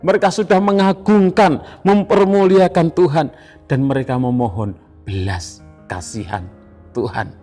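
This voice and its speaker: A man with an Indonesian accent delivers an evening devotional sermon in a fairly high voice. He speaks very slowly and leans on repeated phrases for emphasis. Soft music plays faintly behind him. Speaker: pastor.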